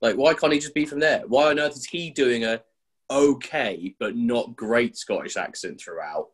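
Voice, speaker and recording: A man's voice: medium pitch, lively intonation, normal speed. A man in a casual film review chat, thinking aloud with frequent restarts.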